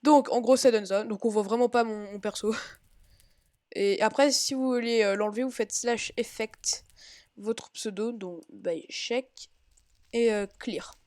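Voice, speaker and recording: Woman, casual tutorial voice-over, halting and self-correcting delivery, a touch high-pitched, dry booth-like sound. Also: a little mellow, no echo. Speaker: Minecraft tutorial maker. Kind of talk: casual screen-recorded game tutorial. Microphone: own home microphone.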